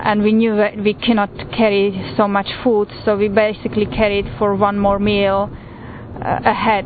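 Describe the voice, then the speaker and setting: A pilgrim with a Slovak accent shares a personal testimony in an unhurried way, pausing often and filling the gaps with "uh." Her voice stays level and flat, and the thin, phone-like recording carries a faint hiss.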